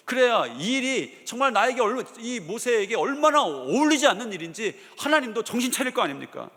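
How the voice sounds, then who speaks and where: Male senior pastor from Chungcheong, lively sermon delivery, acts out quoted voices, long church-hall reverb. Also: high-pitched. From Chungcheong, Korea. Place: large church sanctuary.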